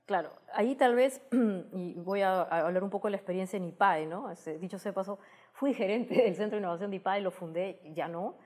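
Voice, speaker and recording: A science communicator with a Peruvian Spanish accent answers interview questions in an explanatory, conversational way, often closing phrases with a tag question. Her mid-range voice is brisk and a little mellow.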